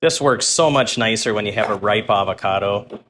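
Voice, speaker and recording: A man's voice: on the low side, moderate pace, a bit bright. A man speaks as a cooking show host, casually talking viewers through each step as he works. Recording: clear background noise while cooking.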